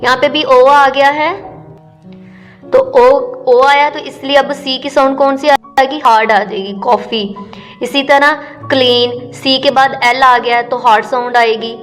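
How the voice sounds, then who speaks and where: High-voiced woman teaching phonics. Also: fairly bright tone, long reverb tail. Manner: asks questions and answers them herself, repeats the point. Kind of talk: classroom-style explanation.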